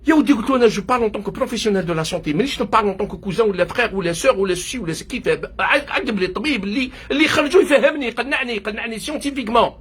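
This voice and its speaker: A man with an Algerian accent rants in a grieving, near-tearful monologue, and his words pour out at a breakneck pace. His voice is rather high and very breathy and husky, and he keeps switching between Arabic and French. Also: rapid-fire, few pauses, fairly bright tone. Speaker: doctor working abroad. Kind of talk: emotional video monologue. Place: hospital workplace.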